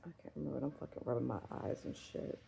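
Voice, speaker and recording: A woman in her forties talks loosely to her viewers with a gravelly, fry-laced voice. Her tone is dark and mellow. She rambles, swears freely and leans on fillers. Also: extremely low pitch, steady tone, fast talker, poor audio. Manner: rambling, profane, full of fillers. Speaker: vlogger. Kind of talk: casual chat.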